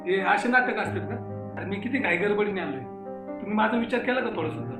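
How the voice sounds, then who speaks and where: A man playing a hurried uncle who scolds his family, then coaxes his sulking niece. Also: high voice, distant mic, over music, close to an everyday voice. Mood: angry. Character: hurried uncle, quick to anger, soft-hearted. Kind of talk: amateur family comedy drama. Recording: roomy echo.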